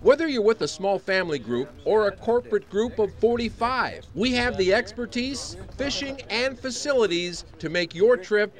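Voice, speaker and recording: Over loud music, a man reads a scripted promotional voice-over with a polished, upbeat sales delivery. His voice sits high, with lively intonation, a moderate pace, and few pauses.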